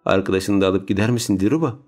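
A man's voice: low voice, fast, faint music behind. A man voicing a bitter, mocking teenage girl in a story reading. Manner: mocking, sharp.

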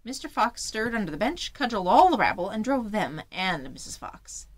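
A woman author reading old fairy tales aloud in a measured storybook manner. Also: medium pitch, big pitch swings. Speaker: author and audiobook reader. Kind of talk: scripted fairy-tale narration.

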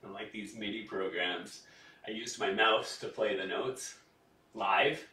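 A man chatting casually on a podcast, telling animated stories and laughing often. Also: fairly low pitch, a little slow. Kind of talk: casual chat. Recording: roomy sound from a distance.

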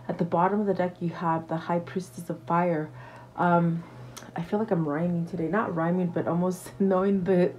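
Woman tarot reader, casual chat to camera, lowish dark warm tone, halting and reassuring with lots of fillers. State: hiccups.

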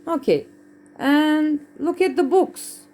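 A woman English teacher with a Turkish accent, explaining simple adjectives in Turkish and stressing slow, repeated English examples for learners. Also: high voice, a little mellow.

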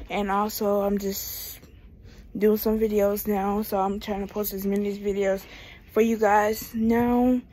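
A 22-year-old American woman rambles casually to her vlog while pacing a small room at home, holding her phone at arm's length. Her mid-range voice barely moves in pitch, runs a little slow and sounds dark, and the recording quality is low.

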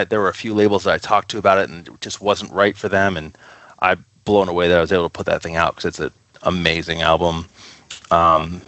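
A record label co-founder, appearing as a podcast guest, chats casually and rambles with enthusiasm through stories about his work. His voice is low with a fairly bright tone, and there's no echo.

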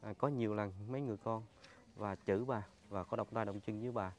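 A man with a Mekong Delta accent hosting a charity vlog, gently questioning an old woman and often exclaiming in sympathy. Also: fairly low pitch, fairly even intonation, fast. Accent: Mekong Delta Vietnamese. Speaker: charity vlogger host. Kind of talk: street interview and vlog intro.

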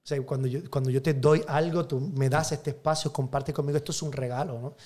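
A man's voice: mid-range voice, fairly even intonation, a little fast, a little mellow. A man who is a priest, telling a personal story emphatically in an interview and acting out the dialogue.

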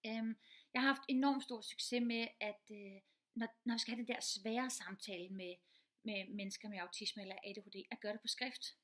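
Fast-talking woman giving advice. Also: fairly high pitch, fairly even intonation, a bit bright. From Denmark. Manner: fast-talking, many fillers and restarts. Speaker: teacher and mother giving advice. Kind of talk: casual advice talk.

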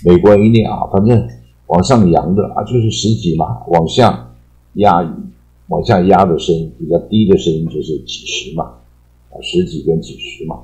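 A man with a Taiwanese Mandarin accent teaches English vocabulary in a relaxed lesson, explaining words while stretching out fillers and repeating himself. His voice is low and mellow, and the audio quality is poor.

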